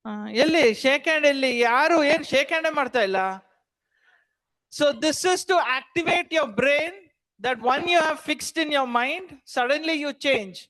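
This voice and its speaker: A woman with a Kannada accent leads an audience through an exercise. Her voice is high and she talks quickly, flipping between languages as she gives short instructions and checking questions. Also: fairly bright tone. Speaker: event host leading audience icebreaker. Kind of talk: interactive audience exercise, mixing English and Kannada.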